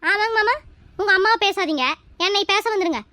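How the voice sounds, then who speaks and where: Cheeky high-voiced young daughter-in-law. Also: female voice, brisk, no echo. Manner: lively, cheeky. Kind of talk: family comedy skit.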